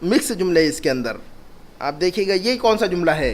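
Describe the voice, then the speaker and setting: A male Arabic teacher gives a classroom grammar lesson, his voice sitting fairly high. He is patient and drills every phrase twice, slowly, and keeps asking the class what things mean. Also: lively intonation, slight background noise. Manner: patient, repeats each phrase slowly, asks questions.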